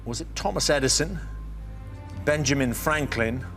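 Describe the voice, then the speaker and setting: A man's voice: mid-range voice, normal speed, fairly bright tone, soft background music. A man hosting a television quiz show, announcing in an upbeat, theatrical way. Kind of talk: studio game-show presenting.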